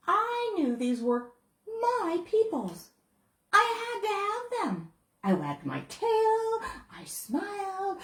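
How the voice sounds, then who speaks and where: A woman who is a children's book author, reading her picture book aloud in a playful, expressive way. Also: extremely high pitch. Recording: roomy echo.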